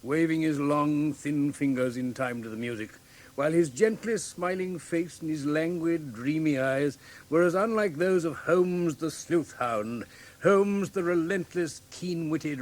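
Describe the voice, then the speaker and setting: An actor playing a loyal, earnest British gentleman doctor who speaks and narrates in a measured classic radio drama manner. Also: fairly high pitch, natural voice. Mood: reflective.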